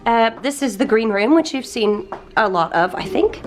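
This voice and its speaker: A woman's voice: on the high side, animated, normal speed, faint music behind. A woman vlogger giving a bubbly, enthusiastic backstage tour.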